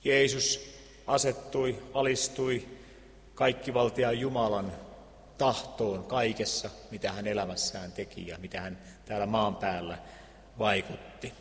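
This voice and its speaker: A man reading Scripture aloud and preaching, solemn and measured, with deliberate pauses. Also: lowish voice, fairly even intonation, creaky. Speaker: pastor. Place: church. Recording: long church reverb.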